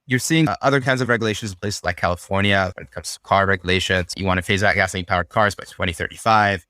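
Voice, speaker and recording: A young man from Syria, a podcast guest, talking through ideas in a relaxed, thoughtful way with frequent fillers. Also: deep voice, fast, no room sound, studio quality. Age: young adult. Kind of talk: casual conversational interview.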